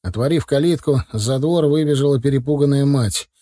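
A man's voice: medium pitch, fairly quick, warm tone, no room sound. Male audiobook narrator, dry close sound. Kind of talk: scripted narration of a novel.

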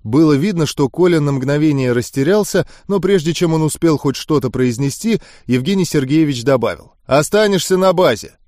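A man reads a first-person audiobook in an even storytelling manner. His voice sits slightly high. The recording is dry and close. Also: normal speed, few pauses, no echo. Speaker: audiobook narrator.

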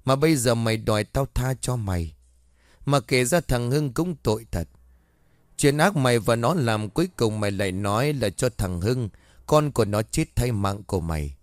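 A man's voice: medium pitch, no echo, studio quality, close to an everyday voice. A man voicing a vengeful middle-aged man who gloats over his enemy in a cold, menacing way in a spoken horror story.

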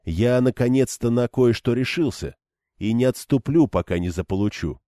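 A man's voice: medium pitch, lively intonation, moderate pace, warm tone, no room sound, studio quality, close to an everyday voice. A man playing a stubborn young swordsman who talks in an earnest, pressing way. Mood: insistent.

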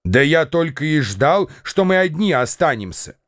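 An actor reading a contemptuous, impatient young bully in a radio play. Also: male voice, on the high side, sing-song, moderate pace, a bit bright, no echo, clean studio sound, pitched above the performer's own voice. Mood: scornful. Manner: snapping, contemptuous. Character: rough, bullying young man, scornful and impatient.

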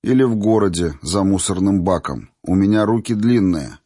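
An arrogant young aristocrat bully, read by a male audiobook narrator who speaks in a sneering, menacing way. His voice is low and husky, in a dry, close recording. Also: expressive, normal speed, dark tone, no echo.

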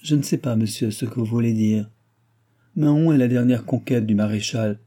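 Man playing a shy trembling young man, hesitant, humble, dark husky voice. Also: mid-range voice, normal speed, close to an everyday voice. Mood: timid. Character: timid, sighing young man of modest station.

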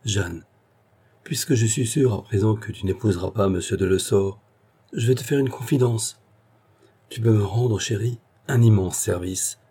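A man's voice: fairly low pitch, normal speed, dark tone, husky. A man voicing an anxious young woman in a read-aloud love story, pleading in a trembling tone. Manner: pleading and tremulous. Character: anxious young woman confiding to her cousin.

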